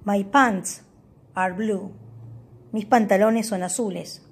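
A woman hosting a tutorial, walking viewers step by step through a language-learning app and pausing often to check they follow. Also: mid-range voice, steady tone, breathy edge. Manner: reads English words aloud for the viewer. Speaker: tutorial host.

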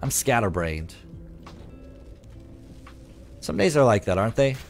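A man's voice: on the low side, animated, a little slow, soft background music. A man live streaming, chatting casually with his viewers, swearing freely and reading their comments aloud. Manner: loose, profane, reads chat comments aloud.

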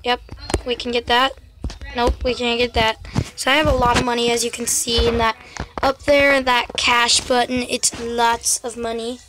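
A young gaming host with a voice on the high side and flat delivery chats through her gameplay at normal speed, constantly turning to her viewers and calling them "guys." The background is noisy.

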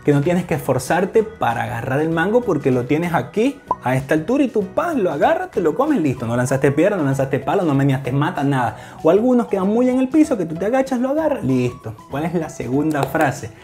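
A man's voice: a little high, sing-song, fairly quick, few pauses, darkish tone, faint music behind. Playful Venezuelan man explaining slang. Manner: playful, acts out examples in put-on voices, laughs often. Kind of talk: casual explainer to camera.

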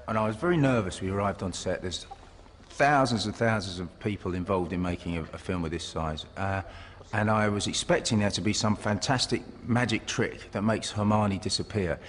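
A man who acts in a film, telling a relaxed behind-the-scenes story with hesitant fillers. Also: fairly low pitch, big-room sound, a little hiss or hum. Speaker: film actor.

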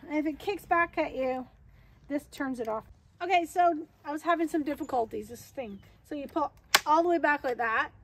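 A middle-aged woman vlogging in her backyard garden, chatting upbeat as she explains each step to the camera. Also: sits high. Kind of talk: casual how-to demonstration.

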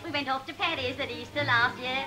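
A woman's voice: high voice, a little fast. Woman on an early talkie film soundtrack. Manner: saucy, mock-genteel, half-sung half-spoken with giggles. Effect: early talkie film soundtrack from the 1930s. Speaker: music hall singer. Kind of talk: music hall comic song and patter. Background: music accompaniment.

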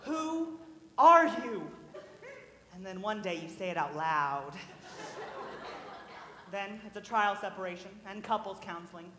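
A woman's voice: mid-range voice, lively intonation, unhurried, pauses often, fairly bright tone, slight background noise. A woman playing a lonely middle-aged male theatre fan, confiding in the audience on a live stage. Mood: rueful. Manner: confiding, wistful storyteller asides. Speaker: stage actor. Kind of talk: live stage musical acting. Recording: reverberant theatre hall.

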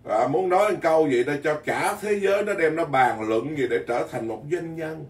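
Folksy monk preaching. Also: male voice, a little high, normal speed. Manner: folksy, blunt, animated, repeats words while searching. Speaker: Buddhist monk teacher. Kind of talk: dharma talk sermon. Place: temple hall in Virginia. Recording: echoey hall, mic at a distance.

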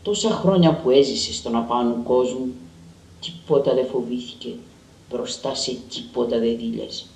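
A man giving a measured, dramatic literary reading of a story. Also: mid-range voice, vocal fry, darkish tone. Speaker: reader. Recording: roomy and distant.

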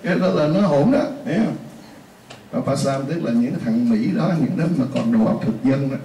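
A man's voice: mid-range voice, fairly quick, warm tone. A man teaching a class, explaining things in a chatty way with repeated examples and asides. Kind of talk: classroom lesson. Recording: roomy, distant mic, faint hiss.

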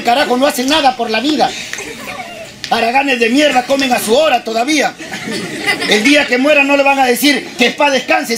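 Brash high-voiced street comic. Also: male voice. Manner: crude, shouting, teasing the audience. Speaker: street comedian. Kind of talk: stand-up street comedy. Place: outdoor plaza with a live crowd. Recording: noisy outdoor crowd recording.

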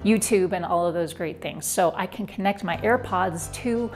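A woman's voice: lowish voice, normal speed, a little mellow, faint music behind. A woman in her forties giving a chatty, upbeat tour of her home gym to camera, on a lapel mic. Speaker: fitness vlogger. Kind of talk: home room tour vlog. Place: basement home gym, indoors.

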